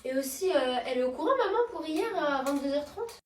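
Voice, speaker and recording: A man's voice: very high-pitched, animated, fairly quick, pitched above the performer's own voice. A man voicing a scheming, bratty little sister who wheedles and blackmails her big brother. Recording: echoey room from far off.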